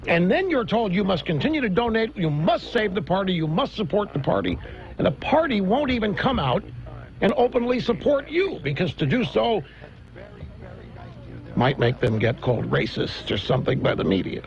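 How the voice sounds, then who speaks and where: A man hosting a political talk radio show, delivering an animated, mocking monologue. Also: high voice, moderate pace. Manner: animated, mocking, mimics others in exaggerated voices. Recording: dull lo-fi radio broadcast.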